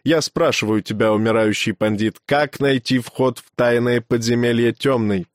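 A man voicing a cold, ruthless young male brahmin who speaks in an even, grating, unhurried voice. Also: mid-range voice, dry recording, studio quality, lightly acted. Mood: cold, commanding.

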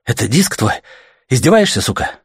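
A man voicing an enraged, worn-out young man who shouts and swears in a husky voice. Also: medium pitch, big pitch swings, brisk, dry recording, studio quality, pitched above the performer's own voice, exaggerated voice. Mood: furious.

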